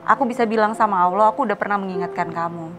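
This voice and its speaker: A woman voicing her husband giving calm, earnest advice in her own voice. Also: medium pitch, racing, a little hiss or hum, close to an everyday voice.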